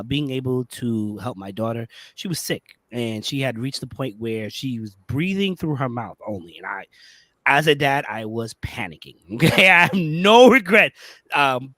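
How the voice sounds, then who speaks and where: Male podcast host, young adult, animated and jokey, bright voice, dry close sound. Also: medium pitch, no room sound. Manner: animated, laughing, playful. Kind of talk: casual chat.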